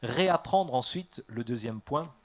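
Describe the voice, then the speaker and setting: A French man, a pastor, preaching a sermon in a lively way, joking, laughing at his own asides and acting out the people he quotes with sudden loud bursts. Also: medium pitch, measured pace. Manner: animated, acts out quoted voices with big jumps in loudness.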